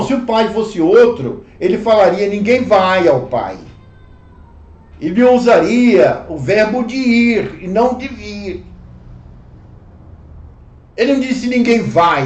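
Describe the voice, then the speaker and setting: A Brazilian man teaching a livestreamed Bible study, slow and emphatic, repeating phrases and calling listeners brothers. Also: sits high, darkish tone. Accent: Brazilian Portuguese. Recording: echoey room, dull lo-fi sound.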